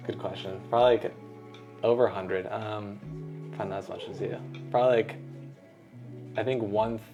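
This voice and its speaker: Gravelly low-voiced young man. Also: fairly even intonation, normal speed, highs cut off, music in the background. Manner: upbeat, rambling, filler-heavy. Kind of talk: casual chat.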